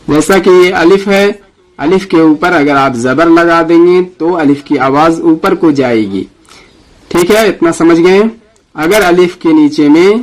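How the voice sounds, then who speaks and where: A man with a Pakistani Urdu accent teaches Quran reading, and his voice sits a little higher than most men's. He explains in quick bursts, then slows right down to sound out each letter with care. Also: poor audio. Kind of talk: Urdu lesson on Arabic letters.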